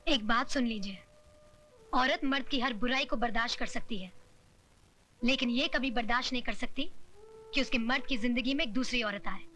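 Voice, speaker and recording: A woman's voice: fairly high pitch, normal speed, pauses often. An actress playing a fierce young wife who confronts her husband's mistress and stands her ground, in a film scene. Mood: resolute. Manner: sharp, cutting, combative. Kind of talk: Hindi film drama. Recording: film soundtrack with music.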